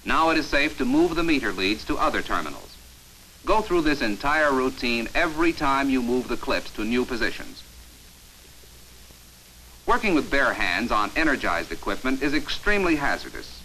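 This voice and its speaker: A medium-pitched American voice with big pitch swings and a sharp tone narrates a scripted 1950s training film in an authoritative, measured, emphatic announcer manner. The old soundtrack is low quality, with slight background noise.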